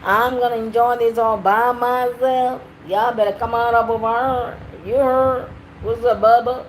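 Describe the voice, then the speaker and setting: A woman's voice: fairly high pitch, steady tone, a little slow, slight background noise, voice pushed up, lightly acted, poor audio. A woman playfully hamming up a fake American Southern drawl, drawing the words out. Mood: teasing. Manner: drawling, playful, over-the-top.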